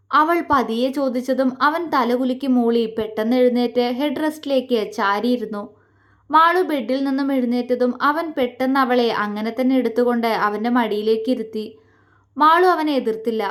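Female storyteller reading a romance serial; gentle, emotive, somewhat high pitch. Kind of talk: reading an audio love story.

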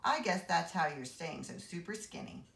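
A woman's voice: lowish voice, lively intonation, normal speed, creaky, fairly bright tone, heavily acted. A woman reading aloud, voicing a smarmy, falsely polite schoolboy. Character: smarmy, sucking-up rich schoolboy. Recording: roomy echo.

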